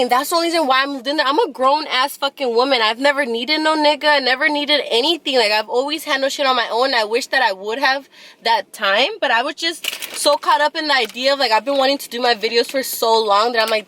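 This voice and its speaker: A woman's voice: sits high, pushed and bright. A woman in her twenties casually telling a long personal story, blunt and profane. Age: 20s.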